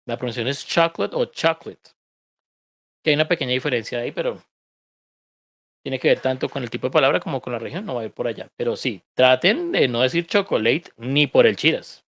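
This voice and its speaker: A man's voice: mid-range voice, lively intonation, a little fast, a bit bright, no echo. A Colombian man leads an online English reading class, explaining pronunciation step by step. He drops joking asides along the way. His voice sits mid-range and sounds dry and close. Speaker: English teacher.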